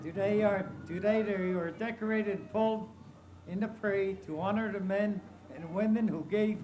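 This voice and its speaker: A man's voice: high voice, fairly even intonation, moderate pace, a little mellow. A man announcing a town parade outdoors in the rain, folksy and hesitant with many fillers. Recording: noisy outdoor community TV recording.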